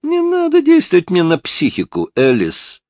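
A man playing a patient calm detective. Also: high voice, normal speed, no echo, voice pushed up. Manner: steady, patient questioning.

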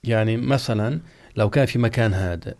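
A man's lowish, darkish voice with some vocal fry carries this religious lesson, where an Islamic scholar teaching jurisprudence answers questions and explains rulings slowly and deliberately. He lengthens example words as he pronounces them.

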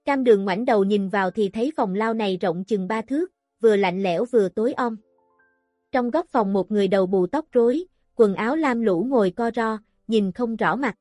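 A woman narrating a martial arts story in a measured, dramatic reading. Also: medium pitch, a little mellow, no room sound. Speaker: audiobook narrator. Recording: dry close recording with faint music.

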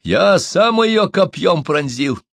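A man voicing angry male villagers who shout harsh, jeering threats. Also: a little high, big pitch swings, measured pace, slightly rough, dry recording, pitched above the performer's own voice, heavily acted.

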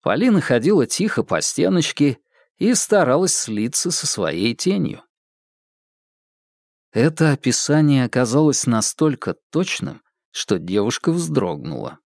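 A man's voice: mid-range voice, very animated, a little slow, vocal fry, a little mellow, no echo, studio quality. A man narrating an audiobook. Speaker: audiobook reader.

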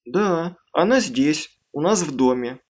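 An anxious, secretive teenage girl, tense and pleading, as a male reader puts her on. Her lines rise higher than the narration. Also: expressive, unhurried.

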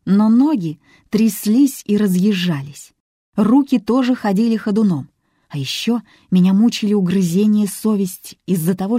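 A woman's voice: medium pitch, warm tone, dry recording, clean studio sound. A woman reading a first-person audiobook in a wry, self-mocking way. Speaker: audiobook narrator.

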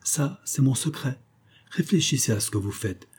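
Un homme lisant à voix haute incarne un jeune séducteur calculateur qui presse et persuade avec insistance. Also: male voice, medium pitch, expressive, normal speed, a little mellow, breathy edge, pitched above the performer's own voice. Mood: conspiratorial. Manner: insistent and coaxing.

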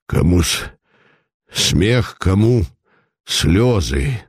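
A man's voice: lively intonation, unhurried, warm tone, no room sound, clean studio sound. Man doing a grumbling old millionaire merchant. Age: older. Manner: low grumbling.

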